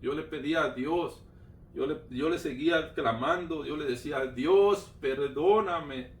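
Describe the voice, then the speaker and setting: A man's voice: a little high, moderate pace, fairly bright tone. Fervent man, roomy distant sound. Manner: fervent, repetitive, emphatic retelling. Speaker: guest giving testimony. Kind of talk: personal religious testimony.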